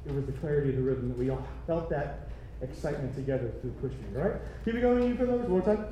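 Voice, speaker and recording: A man directing a choir rehearsal, energetic and encouraging, singing phrases to demonstrate. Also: on the high side, fast talker, a little hiss or hum. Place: large rehearsal room. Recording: echoey room from far off, singers behind.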